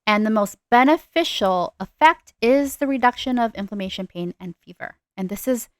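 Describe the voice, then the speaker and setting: A woman giving a recorded nursing pharmacology lecture. She talks deliberately and stresses the key terms as she explains them. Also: fairly high pitch, expressive, dry recording.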